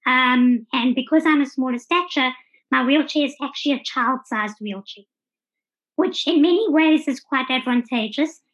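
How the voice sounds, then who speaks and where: A South African woman in her thirties, a guest on a conversational podcast interview, gives articulate, well-ordered answers. Her voice is high, and the recording has its highs cut off.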